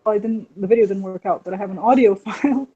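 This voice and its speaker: A woman's voice: medium pitch, dark tone, breathy edge. A woman from Egypt, a faculty developer, joining a session remotely by video call and chatting in a friendly way. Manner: quick, friendly, laughing asides. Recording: dull remote call audio.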